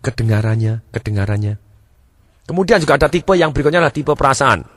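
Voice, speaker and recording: A man's voice: animated, fast talker, no room sound, clean studio sound. A man giving a sales training lesson, acting out examples and shifting his delivery to demonstrate. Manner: demonstrative, acts out examples, shifts pitch and pace to show.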